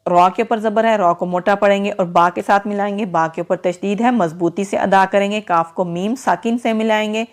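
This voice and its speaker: A woman teaching recitation in a patient step-by-step lesson. She explains each rule in measured everyday speech. She stops often to chant the verse slowly and stretch out its sounds. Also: mid-range voice, steady tone.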